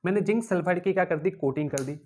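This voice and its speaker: Animated Indian male physics teacher. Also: high-pitched, fast. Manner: repeats key terms as quiz questions to students; animated, acts out objects as characters. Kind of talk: classroom lecture with playful storytelling.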